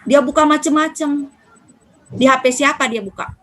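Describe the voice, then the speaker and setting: Lively high-voiced woman giving a parenting talk. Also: normal speed, rough recording. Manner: lively, acts out quoted dialogue with children. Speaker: parenting speaker.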